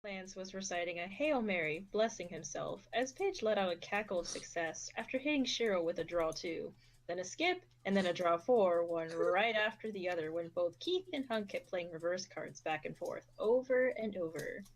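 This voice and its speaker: A young woman narrating an amateur fan fiction reading with steady, expressive delivery. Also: lowish voice, normal speed. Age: young adult.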